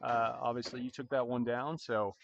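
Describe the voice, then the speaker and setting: A man's voice: medium pitch, moderate pace, vocal fry, lo-fi sound. Male stream commentator, easygoing and chatty, faint background noise. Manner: relaxed, chatty, addresses viewers directly. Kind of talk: casual livestream commentary.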